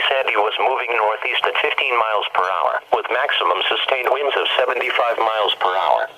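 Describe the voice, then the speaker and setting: This is a synthetic text-to-speech voice of an American man reading a formal, impersonal weather bulletin as a weather radio announcer. The mid-range voice sounds pushed, bright and slightly rough, and the audio is poor, with the sound of a weather radio broadcast.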